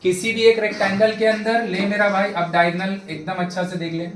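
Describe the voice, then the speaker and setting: A man's voice: high voice, flat delivery, fairly quick, recorded from a distance. A man teaching a geometry class, chatty and joking, talking to his students in a familiar way. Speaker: math tutor. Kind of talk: classroom lecture. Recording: echoey classroom, voice off-mic.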